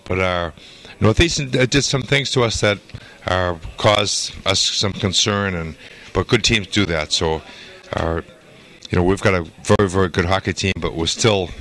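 Older male coach, low-pitched, measured and halting post-game answers, handheld interview mic. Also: fairly bright tone, poor audio. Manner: measured, halting with many "uh" fillers. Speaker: hockey coach. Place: indoor arena interview backdrop. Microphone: handheld mic held by interviewer.

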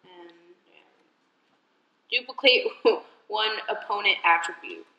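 Laid-back woman guest player, bright voice, recorded from across an echoey room. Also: medium pitch, takes it slowly, vocal fry, lo-fi sound. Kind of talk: casual chat. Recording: echoey room, mic at a distance.

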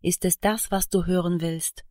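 A woman's voice: fairly low pitch, steady tone, normal speed, warm tone, no room sound, studio quality, close to an everyday voice. A woman reading the part of a stubborn young woman, fed up with surprises and indignant. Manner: indignant, exasperated.

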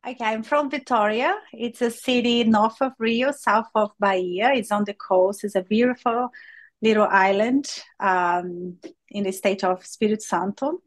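A woman from Brazil, a native Portuguese speaker with a Brazilian accent, telling her story as an interview guest in a halting way full of fillers. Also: mid-range voice. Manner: halting, with many fillers and restarts. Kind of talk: conversational interview.

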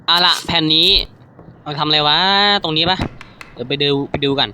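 A man commenting casually on a horror game as he plays, excitable and jumpy, swearing freely. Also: fairly high pitch, moderate pace, a little hiss or hum. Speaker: gaming YouTuber.

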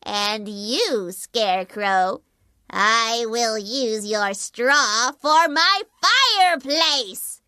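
A woman doing a slow, menacing wicked witch. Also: fairly high pitch, animated, pushed and bright, clear, resonant tone, dry recording, studio quality, full character voice. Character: wicked witch, cruel commanding queen.

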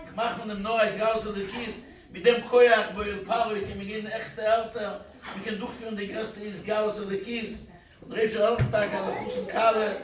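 Older man, rabbi, high-pitched, sing-song, halting repeats, distant mic in an echoey hall. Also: a bit bright. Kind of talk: Yiddish-flavored Torah talk at a family wedding celebration. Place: hall at a festive meal.

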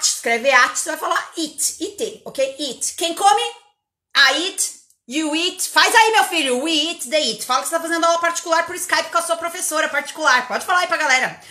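A woman English teacher with an interior São Paulo accent, giving an energetic live online lesson and drilling words over and over. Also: high-pitched, normal speed, roomy sound. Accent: interior São Paulo Portuguese.

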